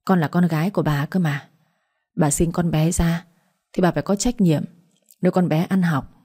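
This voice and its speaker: A woman's voice: fairly low pitch, steady tone, moderate pace, mellow, husky. A woman voicing a middle-aged father who pleads and reproaches his wife. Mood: pleading. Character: aggrieved middle-aged father, patient then angry.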